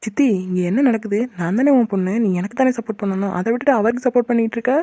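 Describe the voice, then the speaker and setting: A woman voicing a quick-tempered young wife in a cartoon, huffy and sharp-tongued. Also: a little high, no echo, clean studio sound, natural voice. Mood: complaining. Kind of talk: cartoon voice acting.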